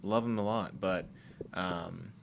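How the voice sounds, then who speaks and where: A man's voice: deep voice, slow pace, gravelly, slight background noise. A man co-hosting a podcast, talking in a casual, rambling, thoughtful way with many fillers. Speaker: podcast co-host.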